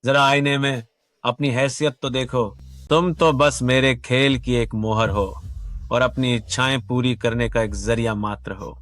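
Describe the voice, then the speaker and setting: A man's voice: medium pitch, steady tone, a little slow, fairly bright tone, no echo, close to an everyday voice. A man playing a cold ruthless rich heir. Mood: contemptuous. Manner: menacing, contemptuous. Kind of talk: Hindi dub of a short drama.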